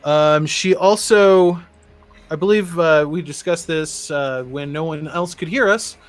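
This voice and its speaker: A man running a tabletop game as game master, narrating with many fillers and pauses. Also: fairly high pitch.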